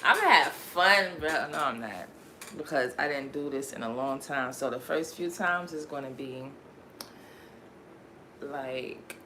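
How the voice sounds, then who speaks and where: A woman's voice: low-pitched, noisy background. A young woman raised in Connecticut, chatting casually on her livestream in a rambling, slangy way and laughing often. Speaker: livestream host.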